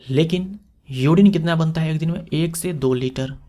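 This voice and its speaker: Guy teaching exam prep, bit high voice, keeps repeating stuff and asking questions back. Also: normal speed, mellow. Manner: explains step by step, repeating key terms with rhetorical questions.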